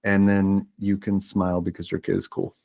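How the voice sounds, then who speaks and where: A man, probably in his thirties, co-hosting a podcast, chatting in a relaxed, wry and reflective way. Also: low voice, normal speed. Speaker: podcast co-host. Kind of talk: casual chat.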